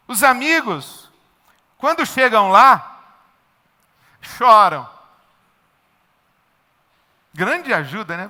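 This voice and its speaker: High, bright Brazilian preacher. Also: male voice, big-room sound. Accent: Brazilian Portuguese. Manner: emphatic, repetitive, conversational preaching. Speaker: pastor. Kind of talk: sermon.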